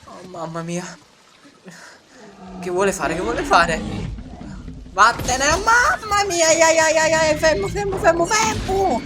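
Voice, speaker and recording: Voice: mid-range voice, slow, pauses often, crowd noise, natural voice. An actor voicing a frantic, foul-mouthed Sicilian in a comic parody dub of a dinosaur film, with a Sicilian accent and an exclamatory, colloquial manner. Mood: panicked. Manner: exclamatory, colloquial, full of wails and swearing. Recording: music running under the voice.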